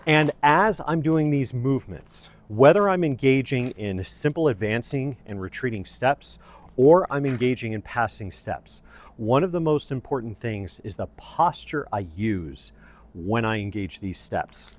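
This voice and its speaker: A man teaching a fencing lesson, explaining technique in a methodical, deliberately phrased way. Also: mid-range voice, animated. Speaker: fencing instructor. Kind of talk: instructional lesson, explaining footwork.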